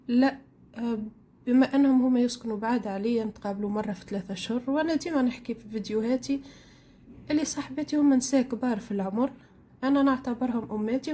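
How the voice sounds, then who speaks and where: A woman's voice: a little high, mellow. A woman with a Tunisian accent chatting casually to her viewers while she cooks in her home kitchen, telling stories in a rambling way. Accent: Tunisian Arabic. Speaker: home cooking vlogger. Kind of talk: casual chat while cooking.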